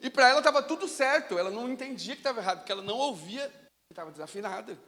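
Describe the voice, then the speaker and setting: Male pastor, high-pitched, lively storyteller from the pulpit; reverberant sanctuary sound. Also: very fast. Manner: storytelling, animated, casual. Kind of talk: sermon. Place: church sanctuary. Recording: long reverb of a church hall.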